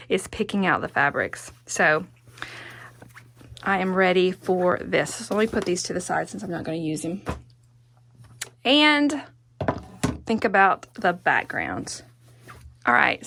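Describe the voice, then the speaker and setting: As quilting instructor and host, a woman leads a relaxed hands-on craft lesson, chatting, musing, and frequently talking to herself along the way. Her medium-pitched voice is a bit bright, and the recording is dry.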